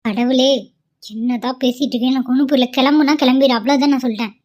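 A woman's voice: sits high, fairly even intonation, quick pace, a little mellow, close to an everyday voice. A woman voicing a stubborn, devoted young wife in a cartoon, pleading and insistent. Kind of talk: cartoon voice acting.

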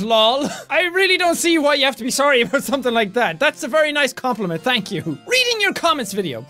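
Loud, playful young man reading comments. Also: very high voice. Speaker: YouTuber reading viewer comments. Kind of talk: casual comment-reading vlog.

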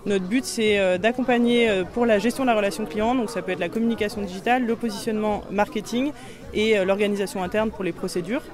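Young woman giving a quick business pitch. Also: a crowd in the background. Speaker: business founder. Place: outdoor fair under trees. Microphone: handheld mic held by interviewer.

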